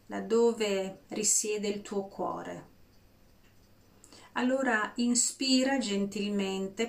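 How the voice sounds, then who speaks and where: A woman guiding a breathing meditation in a slow, soft, soothing voice with long pauses. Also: mid-range voice, gravelly. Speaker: meditation guide.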